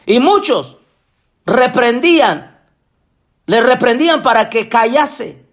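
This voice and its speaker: A man preaching a sermon as an apostle, impassioned, with rising shouts and drawn-out phrases. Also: very high voice, very animated.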